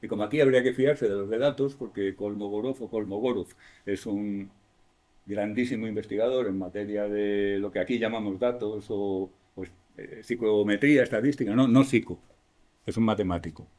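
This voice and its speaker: A man's voice: fairly low pitch, a little fast, a little mellow. A man with a Spanish accent giving a university lecture in a classroom, explaining step by step, asking the class questions and correcting himself as he goes.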